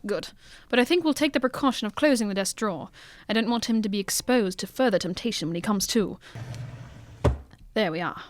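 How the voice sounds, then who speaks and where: A woman playing Sherlock Holmes, a shrewd, commanding gentleman detective with formal, measured phrasing in an old-fashioned radio mystery. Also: mid-range voice, noisy background, natural voice. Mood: brisk command.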